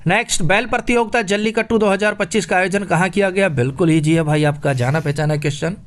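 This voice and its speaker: A man with a high-pitched voice speaks fast while teaching a current affairs quiz lesson as an exam coaching teacher. He is playful, joking his way through memory tricks and calling his listeners brother.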